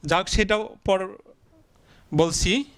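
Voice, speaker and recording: Male teacher, blackboard lesson, high lively voice, asks and answers his own questions, slow delivery. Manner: asks the class questions and answers them himself; stretches out syllables slowly while writing.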